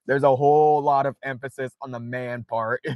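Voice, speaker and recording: A man's voice: mid-range voice, no echo, lo-fi sound. A man hosting a casual late-night livestream from inside his car, reading viewer chat aloud, swearing freely and laughing often. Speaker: livestream host.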